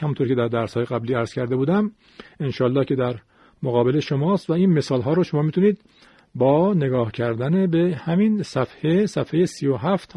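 A man lectures on recitation rules in a measured, explanatory tone, stopping to demonstrate sounds. His voice is husky and sits dry and close to the mic, with a muffled lo-fi sound. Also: fairly high pitch, no room sound. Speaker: Quran recitation teacher.

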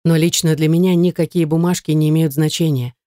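A woman reading a stern, domineering husband in a lowered, curt voice. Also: fairly even intonation, a little fast, dark tone, dry recording, studio quality, natural voice.

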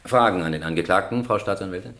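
In a radio crime drama, a male actor voices a stern, impatient presiding judge who questions formally and insistently. His voice is deep yet fairly bright, and he speaks at a quick pace.

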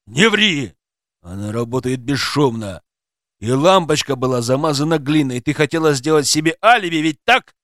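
A male audiobook reader voicing an angry, threatening male rescuer in a low, growling voice. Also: expressive, moderate pace, a bit bright, no room sound, clean studio sound. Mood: menacing. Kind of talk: audiobook character voice.

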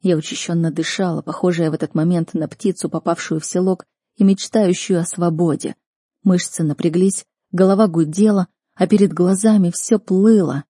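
A woman's voice: lowish voice, fairly even intonation, normal speed, dark tone, slightly rough, no room sound, studio quality. A woman narrating a first-person fantasy audiobook with an emotional, dramatic reading.

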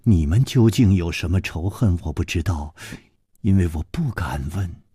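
A man voicing a sorrowful, timid noblewoman who speaks softly with a sigh. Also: low voice, lively intonation, normal speed, breathy edge, no room sound, studio quality, full character voice. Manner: soft, sighing.

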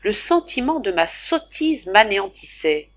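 A woman narrating a classic novel as an audiobook, reading in a measured, expressive way. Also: mid-range voice.

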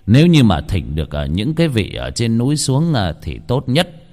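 A man voicing an elderly ritual master who speaks low and haltingly, with many pauses. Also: huge pitch swings, mellow. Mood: solemn. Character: elderly male ritual master, weary and solemn.

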